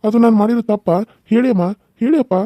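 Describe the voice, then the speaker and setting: A man's voice: very high-pitched, quick pace, mellow, no room sound. A man with a North Karnataka Kannada accent voicing an earnest young married son who pleads and explains in a cartoon serial. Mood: pleading.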